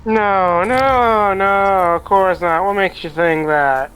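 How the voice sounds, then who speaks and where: A man's voice: sits high, takes it slowly, fairly bright tone. A man in casual chat as a gaming companion, laid-back and a little hesitant.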